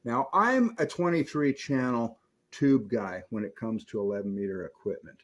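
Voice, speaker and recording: A middle-aged man with a medium-pitched voice talks at a normal speed. He's a radio repair reviewer giving a casual, chatty hands-on review, folksy and enthusiastic about old equipment.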